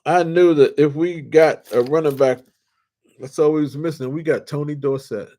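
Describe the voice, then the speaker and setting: Excitable older man from D.C. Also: fairly high pitch, moderate pace. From Washington, D.C. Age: 60s. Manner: animated, shouts with excitement, drawls and stretches words. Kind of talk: casual storytelling monologue.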